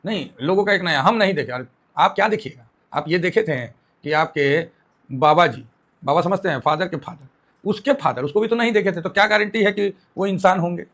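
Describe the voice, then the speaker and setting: A man's voice: high-pitched, normal speed, fairly bright tone. A man giving casual stock market commentary, explaining with homely analogies and rhetorical questions to his viewers.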